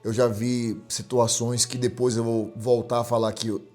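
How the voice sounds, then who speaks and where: A man's voice: medium pitch, little pitch movement, normal speed, a little mellow, soft background music. A middle-aged man preaching as a pastor, telling a story with emphatic repetition. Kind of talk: sermon with storytelling.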